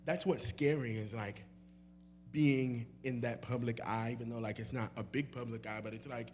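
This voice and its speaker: A man's voice: mid-range voice, steady tone, normal speed, darkish tone, slight background noise. A young man, a guest singer, answering audience questions in a loose, rambling way with many fillers and laughs, in a church hall. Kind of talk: casual Q&A chat.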